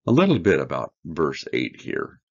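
A man teaching a verse-by-verse Bible study, reading scripture aloud and explaining it with slow, earnest emphasis. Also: a bass voice, huge pitch swings, muffled recording.

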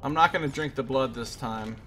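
Reading game text like a dramatic storybook, this let's play streamer throws in casual reactions as he goes. His medium-pitched voice is bright and forceful, moving a little fast. Faint background noise can be heard.

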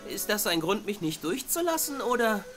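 Woman as a curious young boy, lively intonation. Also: mid-range voice, moderate pace, natural voice. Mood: nervous, hesitant. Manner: wondering, hesitant, thinking aloud. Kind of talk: video game character acting. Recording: loud game music underneath.

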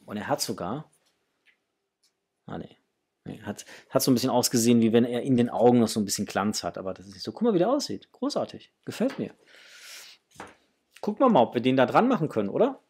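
A middle-aged man with a husky, mid-range, slightly mellow voice hosts a toy unboxing channel from a small indoor hobby room. Very animated and fast with frequent pauses, he chats enthusiastically with viewers, exclaiming often and muttering to himself while handling items.

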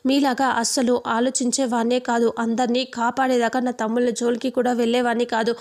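A woman's voice: fairly high pitch, little pitch movement, a little fast, a little mellow, natural voice. A woman voicing a determined young man who warns kidnappers, in a retold serial scene. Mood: defiant. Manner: defiant, warning tone.

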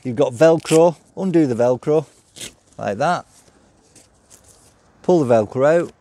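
A man's voice: a little high, lively intonation, a little slow, dark tone. A man, reviewing a product and walking through each step as he handles it outdoors. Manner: practical, step-by-step explaining while handling the cart. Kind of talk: hands-on product demonstration. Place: outdoors on a gravel yard by a stone house.

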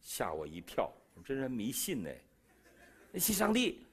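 A man's voice: moderate pace, breathy edge. A middle-aged man from China with a Beijing accent, telling his testimony in a sermon and acting out the dialogue. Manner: animated storyteller who jumps in pitch and loudness, acting out dialogue. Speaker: preacher giving a testimony.

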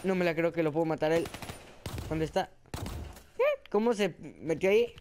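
Excitable man with put-on Spain Spanish. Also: a little high, normal speed, background noise. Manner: excitable, exclaiming, self-mocking. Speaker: gaming channel host. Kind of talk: live gameplay commentary.

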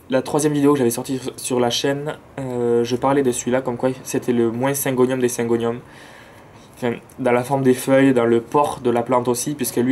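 A man's voice: medium pitch, a little mellow, a little hiss or hum. A man with a southern French accent chatting enthusiastically about his plants outdoors, with slangy asides. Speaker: plant vlogger. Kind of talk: casual chat. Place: outdoors near a road with cars and planes.

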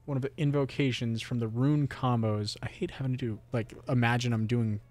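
In a mid-range, slightly mellow voice with a steady tone, a young man talks briskly while streaming a game. He has a sore throat and rambles casually, cursing at the game and at himself.

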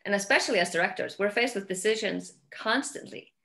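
A woman's voice: medium pitch, a little fast, vocal fry, sharp tone. A middle-aged woman from Iceland with an Icelandic accent, a film director talking casually over a video call, searching for words and often repeating them. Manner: thoughtful, repeats words while searching for phrasing. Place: home room with large windows.

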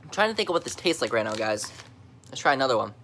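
A young man talks into his camera from a home basement, his voice bright and forward. He chats in a loose, slangy way, chewing snacks between words, with a faint hiss of background noise. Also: mid-range voice, big pitch swings, very fast. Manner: laid-back slangy chatter, chewing while talking. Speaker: vlogger. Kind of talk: casual snack taste test vlog.

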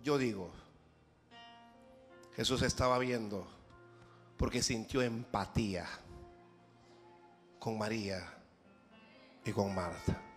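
A man preaching a sermon as pastor, moving from hushed prayer to shouted exhortation. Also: on the low side, slow pace, pauses often, faint music behind.

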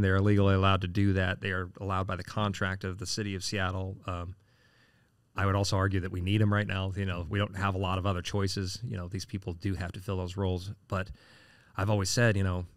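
The deep-voiced speaker, a city council candidate in his late forties, responds to interview questions in a relaxed, rambling manner, often using fillers and starting over. There is no room sound in the recording.

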